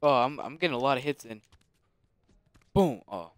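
A man giving casual, excitable commentary on his own gameplay, taunting and shouting sound effects. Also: medium pitch, fast, clean tone, dry recording. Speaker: gaming commentator. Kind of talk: casual let's-play commentary.

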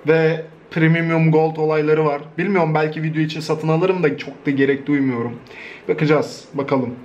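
A man's voice: on the high side, flat delivery, normal speed, a little mellow, dull audio, a little hiss or hum. A young man from Turkey chatting casually in a vlog, joking, swearing freely and laughing often. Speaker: YouTuber.

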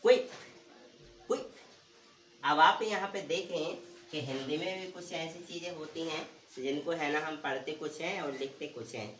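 A man's voice: on the high side, fairly bright tone, far from the mic, slight background noise. Man teaching English sounds, roomy echo. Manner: asks questions and answers them himself, repeats words slowly. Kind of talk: classroom pronunciation lesson.

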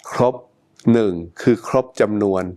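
A man's voice: a little slow, dark tone. An older man giving a conversational explanatory talk with slides, repeating points for emphasis and ending phrases politely. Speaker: economist presenting a health talk.

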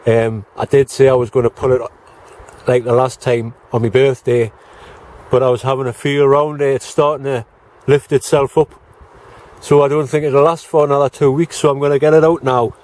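A middle-aged man speaks to viewers at a moderate pace while walking round his allotment garden, filming himself outdoors with a handheld camera. His mid-range, slightly mellow voice shows little pitch movement, and his manner is chatty and plain-spoken in this casual vlog.

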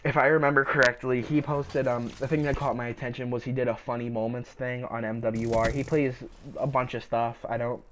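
A young gaming YouTuber with a sore, scratchy throat rambles hesitantly through casual gameplay commentary, full of fillers. His mid-range voice is level in tone, a little fast and a bit bright.

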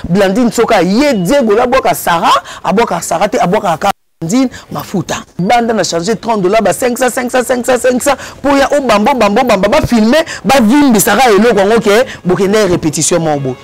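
A man's voice: high voice, a little fast, hardly any pauses. A man animatedly telling a story as a guest in a casual interview. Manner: lively, switches between Lingala and French.

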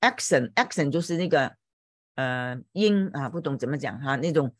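A woman with a fairly low voice teaches English over a video call. She explains patiently, repeats each word and spells it out letter by letter. The sound is dry and close, with no room around it. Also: animated, normal speed, dry recording. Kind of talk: online English lesson explained in Chinese. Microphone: computer mic on a video call.

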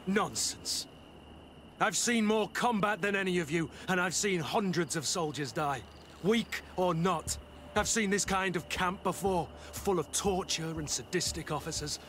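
Principled battle-hardened guard captain. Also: male voice, high-pitched, measured pace, fairly bright tone. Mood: indignant, rallying. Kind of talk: video game voice acting. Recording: faint background noise.

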